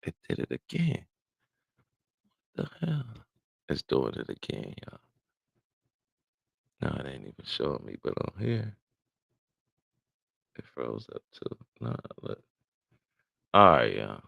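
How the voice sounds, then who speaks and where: A man's voice: extremely low pitch, wildly swooping pitch, takes it slowly, vocal fry, pauses often, pushed and bright, slightly rough, dry recording, clean studio sound. A middle-aged man talking casually on his own live stream, rambling and interrupting himself with laughs as he sets up his sound.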